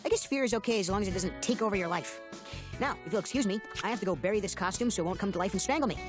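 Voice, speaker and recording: A man's voice: high voice, very fast, over music, lightly acted. A man voicing an anxious young teenage boy in a cartoon, wry and dramatic about his fears. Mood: wry, upbeat. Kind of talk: cartoon acting.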